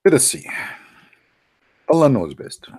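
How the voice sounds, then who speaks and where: A man's voice: a little high, big pitch swings, unhurried, warm tone, slightly rough, dry recording, studio quality. A man hosting a livestream, talking in a sarcastic, mocking way. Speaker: online show host. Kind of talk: livestream commentary.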